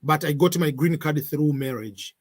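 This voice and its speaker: Speaking from what sounds like a webcam setup in a room at home, a middle-aged livestream host takes viewer questions in a casual Q&A. His slightly raised, somewhat mellow voice is marked by frequent hesitation and "uh" fillers, and he switches between English and Swahili.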